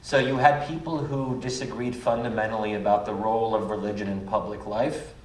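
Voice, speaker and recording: A low-pitched man in his thirties talks reflectively at a public panel, pausing on "um"s. He sounds set back from the mic, with a roomy hall echo and a faint hiss behind him. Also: fairly even intonation. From United States. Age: 30s. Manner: reflective, many um fillers. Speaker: panel guest. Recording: echoey hall, mic at a distance, faint noise.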